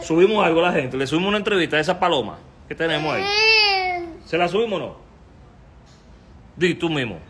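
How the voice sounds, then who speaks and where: A Dominican man banters on a live stream, his voice sitting fairly high and often climbing into squealing baby talk as he teases his son. He laughs easily. A faint hiss runs under the recording. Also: very animated, fast talker, pauses often. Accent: Dominican Spanish. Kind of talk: playful live-stream chat.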